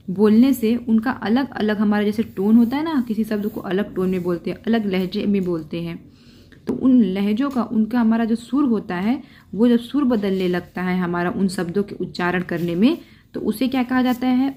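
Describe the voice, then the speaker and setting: A woman's voice: mid-range voice, dark tone. Patient woman teaching a grammar lesson. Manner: explains patiently, repeats key terms, asks questions and answers them herself. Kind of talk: explanatory Hindi grammar lesson.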